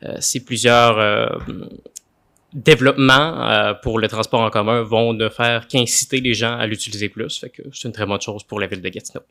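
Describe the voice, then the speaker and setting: Bright-voiced young man, hesitant. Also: lowish voice, fairly even intonation, moderate pace. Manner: hesitant, stumbling with fillers. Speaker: student panelist. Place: studio.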